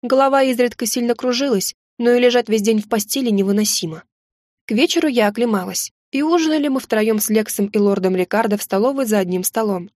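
A woman reading a first-person audiobook in an even, lightly ironic storytelling manner. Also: fairly high pitch, quick pace, no room sound, studio quality. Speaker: audiobook narrator.

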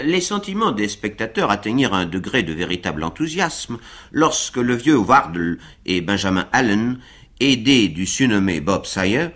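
Slow, expressive male storyteller. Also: lowish voice. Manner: expressive, unhurried narration. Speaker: reader of a novel. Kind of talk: literary reading on radio.

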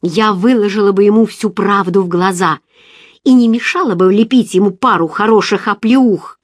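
A woman reader voicing an excitable, gossipy young woman friend who talks loudly in exclamations. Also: medium pitch, normal speed, no echo, studio quality, natural voice. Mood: indignant. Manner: loud, exclamatory, emphatic.

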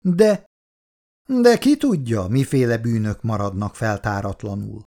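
A gruff, proud old factory worker bristles and grumbles, read by a man. His pitch swings widely. It is a storybook reading. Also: big pitch swings, darkish tone. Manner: gruff and indignant. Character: elderly male factory worker, proud and stubborn. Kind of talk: reading a novel aloud.

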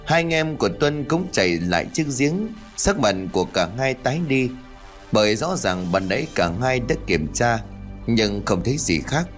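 A man narrating a ghost story in a lively storytelling manner. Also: medium pitch, moderate pace, soft background music.

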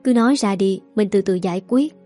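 A woman voicing a worried middle-aged village mother who questions her daughter firmly but gently. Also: mid-range voice, a little fast, soft background music, close to an everyday voice. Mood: coaxing. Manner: firm but coaxing.

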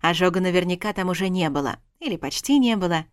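A woman's voice: fairly low pitch, animated, fast, no room sound, clean studio sound. A woman narrating a first-person story as an audiobook, reading expressively.

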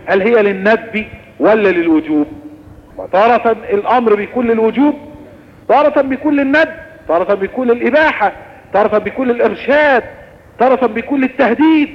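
Fast-talking Egyptian man teaching Islamic law. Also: very high-pitched, in a large hall, muffled recording. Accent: Egyptian Arabic. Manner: lively explanatory lecturing, answering questions. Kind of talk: recorded religious lesson.

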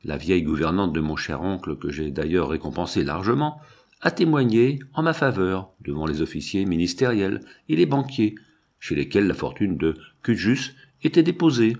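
A man reading a novel aloud, with measured, expressive first-person storytelling in a husky voice. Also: deep voice. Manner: measured, expressive storytelling, slow at chapter headings. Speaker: audiobook narrator. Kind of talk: scripted narration of a novel.

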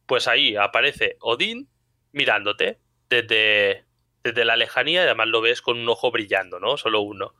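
Bright, animated Spanish man telling stories. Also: mid-range voice, moderate pace, no echo, studio quality. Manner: animated storytelling, frequent laughter. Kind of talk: casual chat.

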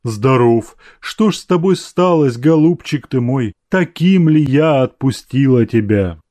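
A man's voice: mid-range voice, lively intonation, measured pace, mellow, no echo, pitched above the performer's own voice, natural voice. A man voicing a tearful fretful old mother. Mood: tearful, doting. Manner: emotional, crying out.

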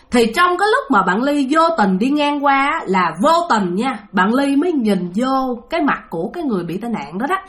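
A woman's voice: on the high side, fairly bright tone. A woman telling a ghost story in a chatty way, talking straight to her listeners and repeating things for emphasis.

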